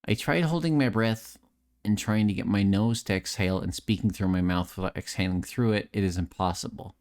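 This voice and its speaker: Streaming late at night, a man chats candidly, repeating words, restarting sentences, swearing freely and joking at his own expense. His voice is on the low side, brisk and darkish.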